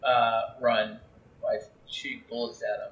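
A man's voice: medium pitch, flat delivery, takes it slowly, roomy sound, highs cut off. A man co-hosting a casual game podcast, explaining tips in a chatty way. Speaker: podcast co-host.

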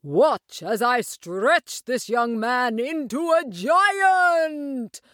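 A woman voicing a grand, showy male circus ringmaster in a storybook reading, announcing with slow flourish. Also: animated, fairly bright tone, dry recording, clean studio sound, heavily acted. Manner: booming showman announcements. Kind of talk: storybook character voice.

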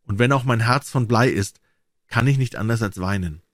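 A man voicing a sorrowful, gentle golden prince statue in a storybook reading, soft and melodious. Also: medium pitch, moderate pace, dry recording, studio quality, natural voice.

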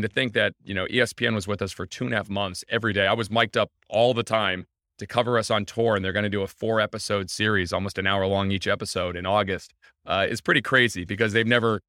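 A man's voice: fairly low pitch, bright, forceful tone, no room sound, studio quality. A man being interviewed as a baseball team owner, telling his story with enthusiasm and emphasis. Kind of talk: energetic interview talk.

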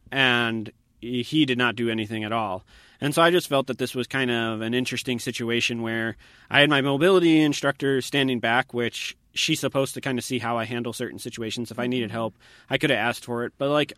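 A man casually telling personal stories in a conversation, relaxed and anecdotal, his voice dropping quietly at the ends of sentences. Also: medium pitch, no echo.

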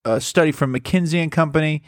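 A man's voice: fairly high pitch, brisk, no room sound, clean studio sound. A man hosting a show, commenting casually and emphatically while reading a study aloud. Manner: animated, emphatic, repeats words for stress. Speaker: podcast host.

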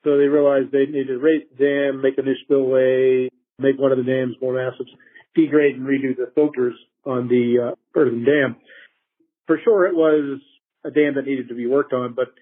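A man's voice: medium pitch, breathy edge. A man being interviewed over a bad phone line, giving casual, explanatory answers with some hesitant, approximate phrasing. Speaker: interviewee, dam quality control specialist. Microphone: phone call.

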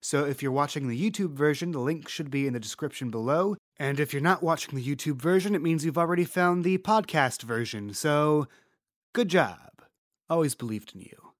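A man narrating a tabletop game as host, relaxed with playful asides. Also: on the high side, moderate pace, no echo, clean studio sound. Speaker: game master and podcast host.

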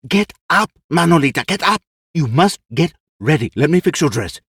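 A man's voice: a little high, sing-song, moderate pace, a bit bright, husky, no room sound, clean studio sound, voice pushed up, full character voice. A man performing a nervous, vain, aging Spanish stage actor who talks in theatrical, frantic outbursts. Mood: rambling.

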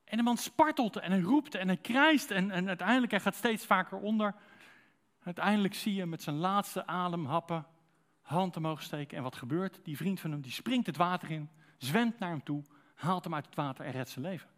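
Male preacher, slightly high voice, chatty sermon style, speaks straight to the congregation with rhetorical questions. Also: brisk, fairly bright tone. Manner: conversational, addresses congregation directly with rhetorical questions.

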